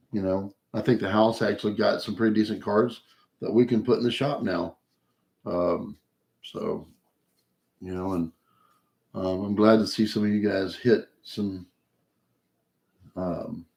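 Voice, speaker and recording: A man with a low, gravelly voice hosts a live card-opening stream. He talks loosely with plenty of fillers, and his voice is worn thin after hours on air. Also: darkish tone. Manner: casual, rambling, many fillers. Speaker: card break host.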